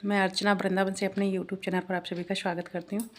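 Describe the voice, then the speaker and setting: A woman's voice: medium pitch, level tone, fast, slight background noise. A woman chatting casually to her viewers in a homely vlog, talking directly to the audience. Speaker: vlogger.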